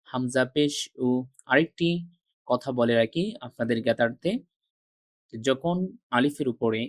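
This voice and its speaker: A man teaching Arabic letter pronunciation, repeating each sound slowly and carefully, with patient classroom explanations. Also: medium pitch, no echo, clean studio sound. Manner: drills each sound three times with careful articulation. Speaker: Quran reading teacher. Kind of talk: slow, deliberate recitation lesson.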